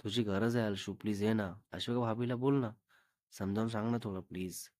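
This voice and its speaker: A man's voice: fairly low pitch, steady tone, a little fast, a little mellow, no echo, clean studio sound, close to an everyday voice. A man voicing an anxious young friend urgently asking for help in a storybook drama. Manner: urgent, pleading.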